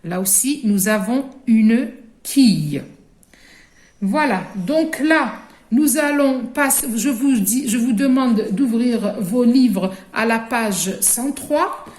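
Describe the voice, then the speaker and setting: Woman, Algerian French accent, teacher, slightly high voice, unhurried, echoey room. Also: expressive, darkish tone. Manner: slow, deliberate, stretches words for repetition. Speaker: primary school teacher. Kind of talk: recorded classroom lesson for young children.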